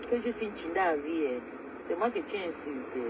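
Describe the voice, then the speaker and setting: A woman's voice: on the low side, expressive, brisk, noisy background. A woman, ranting angrily and repetitively during a live stream. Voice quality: agitated, loud, repetitive ranting. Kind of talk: angry social media livestream rant.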